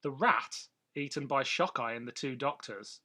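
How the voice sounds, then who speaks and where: In a sharp-toned, medium-pitched voice at a normal speed, this man co-hosts a podcast. He talks loosely about an old TV and radio program, tossing in informative trivia along the way.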